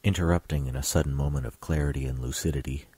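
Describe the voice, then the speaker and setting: A man reading stage directions as narrator of an audio drama in a flat, matter-of-fact way. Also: extremely low pitch, quick pace, breathy edge, no room sound.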